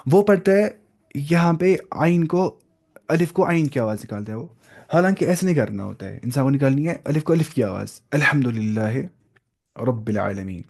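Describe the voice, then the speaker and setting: A man's voice: medium pitch, gravelly, dark tone. Casual male tajweed teacher. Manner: explains step by step with questions and demonstrations, mixing in English words. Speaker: Quran recitation teacher. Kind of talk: casual classroom lesson.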